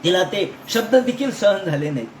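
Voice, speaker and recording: Man lecturing on scripture, high voice, dramatic storytelling with asides, roomy echo, faint hiss. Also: animated, moderate pace. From Maharashtra, India. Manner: dramatic retelling that shifts between voices and asides. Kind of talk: storytelling religious discourse. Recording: echoey room with faint noise.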